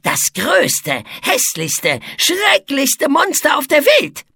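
A man voicing a small, boastful, mischievous male ink monster with three legs, in a squeaky, gleeful voice. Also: huge pitch swings, slow pace, heavily acted. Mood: gleeful boasting. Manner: squeaky, gleeful, shouting and singing.

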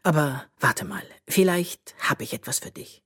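A woman doing a soft, weary storybook mother. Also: low voice, very animated, moderate pace, husky, pitched above the performer's own voice, exaggerated voice. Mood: gentle, weary. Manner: soft, sighing.

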